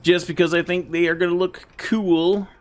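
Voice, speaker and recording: A man's voice: high-pitched, flat delivery, moderate pace. A man hosting a casual let's-play video, chatting to himself as he plays. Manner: chatty, talks to himself while playing. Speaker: gaming video host.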